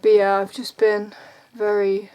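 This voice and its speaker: A tired, burnt-out woman talking casually and confessionally in an emotionally drained, halting way, often trailing off mid-thought. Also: medium pitch, completely flat delivery, dark tone, slight background noise, poor audio. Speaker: vlogger. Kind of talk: casual confessional talk to camera.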